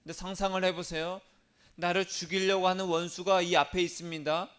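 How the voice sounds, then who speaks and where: A man's voice: high voice, level tone, fairly quick, a bit bright, smooth. A man preaching a sermon as pastor, leading the congregation to repeat lines and dropping to a whisper at times. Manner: call-and-response preaching, drops to whispers.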